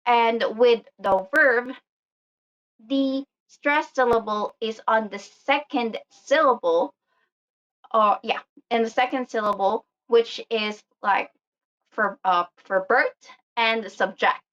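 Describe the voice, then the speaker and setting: Woman teaching word stress real slow, lotta ums, kinda dull lo-fi sound. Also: a little high, fairly bright tone. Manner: frequent "um" and "uh" fillers. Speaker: English pronunciation teacher. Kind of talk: slow explanatory lesson with slides.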